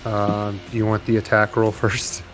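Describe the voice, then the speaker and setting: A man's voice: lowish voice, monotone, normal speed, a bit bright, soft background music. A man playing a tabletop game, hesitant and filler-heavy as he describes his attack. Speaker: player. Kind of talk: casual chat at a tabletop game.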